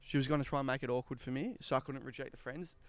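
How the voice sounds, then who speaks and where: Blokey young man, crisp and dry. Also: mid-range voice, fairly even intonation, very fast, dry recording. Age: young adult. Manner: blokey, slangy, swearing. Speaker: podcast co-host. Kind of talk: casual banter and storytelling.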